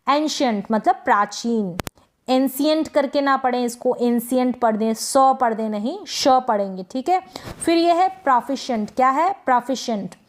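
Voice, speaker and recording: A woman teacher with a Hindi accent gives a patient spelling and pronunciation lesson, asking questions and answering them herself. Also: sits high. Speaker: English teacher. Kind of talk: explanatory lesson with rhetorical questions.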